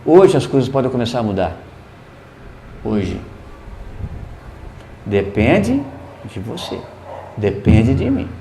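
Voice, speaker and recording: A man preaching a sermon, telling a personal story and swinging between hushed and emphatic delivery. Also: medium pitch, very animated, slow pace, pauses often, a little hiss or hum. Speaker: pastor.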